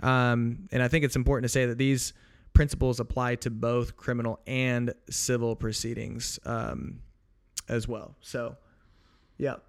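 Smooth-voiced rambling man. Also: mid-range voice, flat delivery, unhurried. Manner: loose and rambling, with restarts and jokey asides. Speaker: podcast co-host. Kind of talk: casual explanatory chat.

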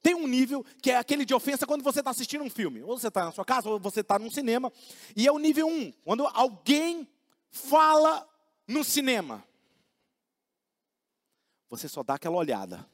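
Man, preacher, very high voice, animated delivery, humorous conversational sermon, long hall reverb. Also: fairly quick. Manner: humorous, acts out little dialogues.

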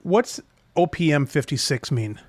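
A man hosting an interview, asking quick, curious follow-up questions in a casual way. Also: on the high side, animated, no echo. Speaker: interview host.

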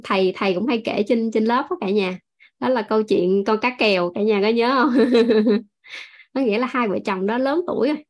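A woman with a Southern Vietnamese accent teaching a class in a chatty style, laughing often and speaking to her listeners as family. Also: on the high side. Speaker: course instructor. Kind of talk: online class lecture with storytelling.

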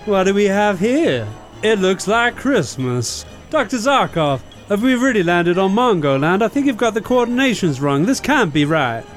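Guy doing a cocky space hero, high bouncy voice, music behind, swaggering. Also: sing-song, moderate pace. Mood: bewildered. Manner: swaggering, boastful, breaks into laughter. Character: brash cocky male space hero parody. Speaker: podcast host.

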